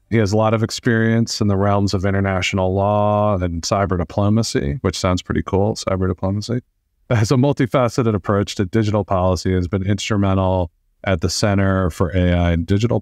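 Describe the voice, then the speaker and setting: Low-voiced male podcast host. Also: no echo, clean studio sound. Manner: relaxed, friendly, jokey. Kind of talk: interview podcast.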